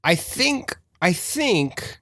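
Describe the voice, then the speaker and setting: A man's voice: sits high, sing-song, extremely slow, pushed and bright, dry recording, studio quality. A man co-hosting a casual podcast, rambling and joking as he guesses at trivia. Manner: rambling, jokey. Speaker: podcast co-host. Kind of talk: casual chat.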